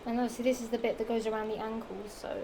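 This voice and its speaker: A young English vlogger with a Norfolk accent talks fast in a fairly high, gravelly voice with little pitch movement, rambling casually about shoes in a noisy home recording. She giggles, repeats herself, and is full of fillers and restarts, her voice a bit strained from the heat.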